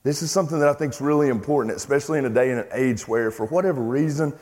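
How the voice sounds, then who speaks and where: A man's voice: mid-range voice, very fast. Casual preaching man in a reverberant hall. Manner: conversational, animated storytelling with mock voices. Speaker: pastor. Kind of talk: sermon. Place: church sanctuary.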